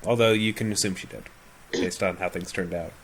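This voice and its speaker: A man's voice: sits low, steady tone, fairly quick, slight background noise. A man acting as game master of a tabletop game over a call, explaining lore with many fillers.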